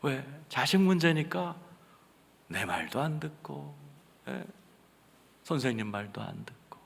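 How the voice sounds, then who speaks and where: A man preaching a sermon as senior pastor, telling a story with sudden swings between loud outbursts and hushed asides. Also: a little high, big pitch swings, a little slow, vocal fry, slightly rough. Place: large church sanctuary. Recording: reverberant church hall.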